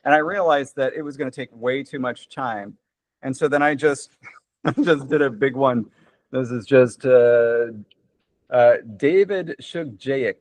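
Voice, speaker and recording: A man's voice: medium pitch, measured pace, no room sound. Rambling American man on a dry call. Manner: rambling, self-deprecating, with many fillers. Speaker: conlang relay participant. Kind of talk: casual video call chat.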